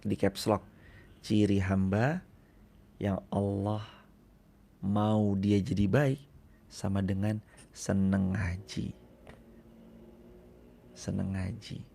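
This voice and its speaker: Gravelly preacher. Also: male voice, fairly low pitch, dark tone. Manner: repeats key phrases, chants Arabic verses slowly; addresses the congregation directly. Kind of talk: sermon.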